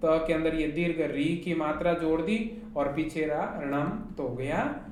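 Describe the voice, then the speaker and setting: A woman's voice: sits low, unhurried, a little mellow. A woman teacher with a Hindi accent giving an online class lecture, explaining step by step and asking her students rhetorical questions. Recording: very echoey room with faint noise.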